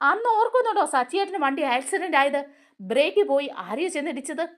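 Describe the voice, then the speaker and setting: A woman's voice: high voice, animated, fast talker. A woman voicing a brash young man who confronts and accuses others, in a raised, insistent voice. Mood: accusing.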